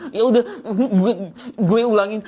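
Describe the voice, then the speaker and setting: A woman voicing a weary teenage girl who rants in a halting, stumbling way, breaking into laughter. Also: medium pitch, fairly even intonation, over a noisy crowd. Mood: whiny. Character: weary teen girl ranting about her life.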